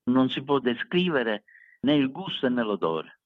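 A man's voice: mid-range voice, big pitch swings, unhurried. A man with a Sicilian accent chatting casually as an interview guest, emphatic and fond of repeating words to drive a point home. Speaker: street food cook, interview guest. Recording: echoey room, dull lo-fi sound.

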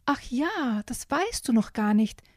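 A woman voicing a cheeky, know-it-all hawk while reading a storybook aloud in a higher, lively voice. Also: a little slow, no room sound, studio quality. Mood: chatty.

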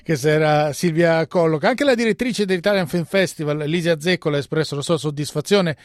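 A man presenting a radio program in from a studio, reading in a measured, scripted way. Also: a little high, no echo. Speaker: radio host. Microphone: studio mic.

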